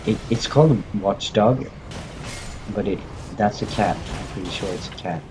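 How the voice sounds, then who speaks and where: Over game music and poor audio, a man with a lowish voice hosts a let's-play at normal speed. He comments in erratic bursts, echoes his own phrases, and talks back to the characters on screen.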